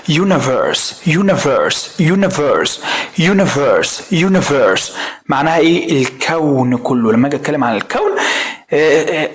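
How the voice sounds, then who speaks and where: Lively Egyptian man drilling English words. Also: on the high side. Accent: Egyptian Arabic. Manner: drills each word by repeating it many times; coaxing, teasing asides to the learner. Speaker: English teacher. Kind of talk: online language lesson.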